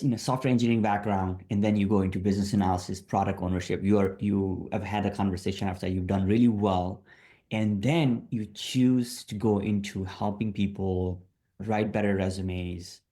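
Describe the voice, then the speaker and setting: A man's voice: fairly low pitch, mellow. A man hosting a podcast, introducing his guest eagerly with some stumbles. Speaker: podcast host. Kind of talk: podcast interview.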